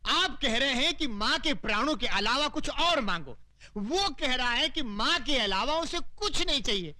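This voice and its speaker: A man's voice: very high-pitched, expressive, a little slow, pushed and bright, no echo, heavily acted. A man playing a crafty, fawning male scribe serving the god of death, coaxing and chatty in a comic sketch.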